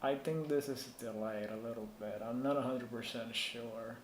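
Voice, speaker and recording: Reading chat and thinking aloud, a native Spanish speaker from Puerto Rico rambles casually while giving PC troubleshooting tips on his live stream. He speaks at normal speed in a steady, mid-range voice, and the room is echoey with faint noise.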